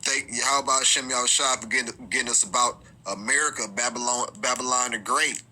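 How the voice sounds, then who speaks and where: A man teaching scripture informally, reading verses aloud slowly and often stumbling and repeating his words. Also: mid-range voice, steady tone, bright, forceful tone, rough recording.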